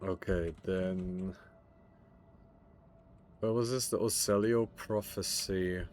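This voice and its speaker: Livestreaming a game, this young man chats with viewers in a rambling, stammering way, full of profanity and jokes. He's a streamer with a low-pitched, slightly mellow voice, a steady tone and a slow pace, over slight background noise.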